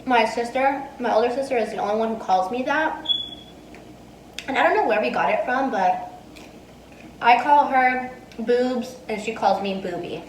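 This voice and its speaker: A woman's voice: fairly high pitch, normal speed, pauses often, roomy sound, recorded from a distance, a little hiss or hum, low-quality recording. A woman in her twenties answering viewer questions between bites, casual and chatty. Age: 20s. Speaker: mukbang vlogger. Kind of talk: casual Q&A while eating. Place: dining room indoors. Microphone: earphone mic, phone in hand.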